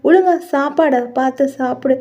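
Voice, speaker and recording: A woman voicing an exasperated, henpecked husband with an irritable, quick-tempered manner, on muffled lo-fi audio. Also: sits high, warm tone. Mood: irritated. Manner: irritable, then begging.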